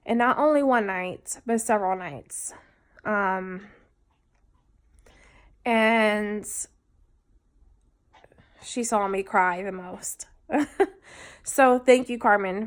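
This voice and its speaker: Slow-speaking woman vlogger, heartfelt. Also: fairly high pitch. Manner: slow, heartfelt, halting with fillers. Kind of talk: personal video diary.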